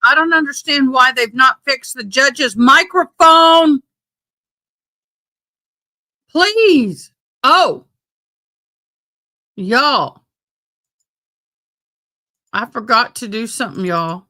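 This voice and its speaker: A woman's voice: high-pitched, expressive, drawn-out words, long pauses, bright, forceful tone. A woman hosting a livestream, chatting casually and informally to her viewers in a folksy way. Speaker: livestream host.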